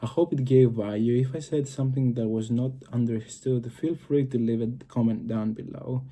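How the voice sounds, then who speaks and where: A Greek man with a Greek accent talks to camera in a reflective solo video, often searching for words with frequent fillers and restarts. His medium-pitched, dark-toned voice stays fairly even at a moderate pace.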